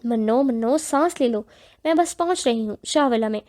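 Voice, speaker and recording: A woman voicing a caring young wife who speaks gently but firmly in a storybook reading. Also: fairly high pitch, animated, close to an everyday voice. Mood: gentle.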